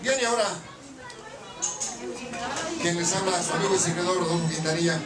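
A man's voice: sits high, quick pace, a loud crowd. A man working as a restaurant emcee, announcing with flowery showman's patter into a handheld microphone. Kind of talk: live announcing over a mariachi band. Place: busy restaurant dining room. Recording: roomy, distant live sound with loud band. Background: mariachi music.

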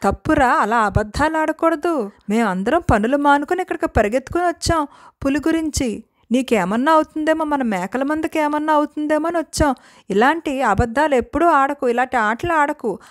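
A stern village farmer father giving firm instructions and scolding his lying son, played by a woman storyteller. The voice stays high and light, close to her own narrating voice. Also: brisk, dry recording, natural voice.

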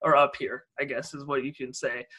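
A man's voice: medium pitch, little pitch movement, normal speed, pushed and bright. A young man from Idaho hosting a casual podcast interview, asking loose, rambling questions full of fillers. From Idaho, USA. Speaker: podcast host.

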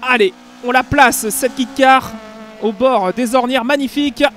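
High-voiced man calling a rally game. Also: a little slow, noisy background. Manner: lively, jokey play-by-play. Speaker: gaming YouTuber.

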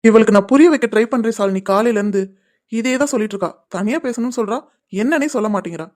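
A woman's voice: fairly high pitch, fast, a little mellow, natural voice. A woman voicing earnest young man Ravi. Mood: reasoning. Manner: pleading, defensive. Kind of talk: cartoon serial voice acting.

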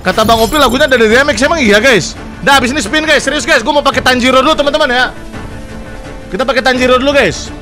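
A young man, streaming a game live and chatting with viewers, excitable and repeating short phrases in bursts. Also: very high-pitched, fast talker, soft background music. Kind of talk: casual live gameplay commentary. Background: keyboard clicks.

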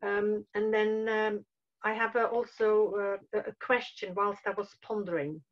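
On a video call from a small room at home, a woman in her fifties chats casually as a participant, hesitantly describing her thoughts and searching for words. Her voice is medium-pitched and steady, at a normal speed, through dull lo-fi call audio.

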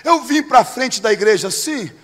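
A Brazilian man preaching a sermon as pastor, telling a story and building to shouted preaching. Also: very high voice, expressive, moderate pace, long reverb tail. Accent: Brazilian Portuguese.

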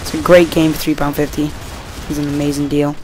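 Young guy, tired, slightly high voice; loose rambling game commentary with swearing, faint hiss on a home mic. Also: little pitch movement, a little fast. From Wales. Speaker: gameplay commentator. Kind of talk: casual gameplay commentary.

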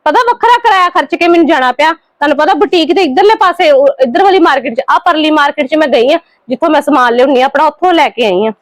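A woman acting a scheming younger sister-in-law in a home drama skit, quick and defensive while sweet on the surface. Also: high-pitched, no room sound, natural voice. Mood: pleading. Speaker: actor in a family skit.

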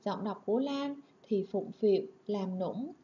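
Mellow-voiced woman teaching children. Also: medium pitch, lively intonation, measured pace, dull audio, a little hiss or hum. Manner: warm, clear and instructive, addressing children. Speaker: primary school teacher. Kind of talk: online lesson narration.

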